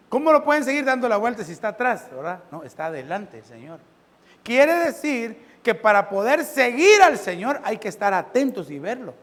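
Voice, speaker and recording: A pastor preaching a sermon. He keeps asking the congregation questions and swings between loud and soft. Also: high voice, in a large hall.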